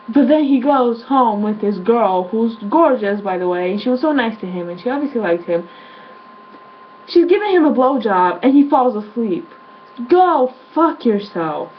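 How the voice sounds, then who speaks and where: A woman's voice: a little high, dull audio, slight background noise. A woman reviewing a film in a casual vlog, blunt and exasperated, swearing as she rants.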